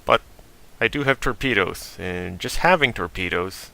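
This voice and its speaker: A man giving relaxed, casual commentary over a game replay, thinking aloud with fillers. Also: low-pitched, normal speed, vocal fry. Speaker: gaming video host.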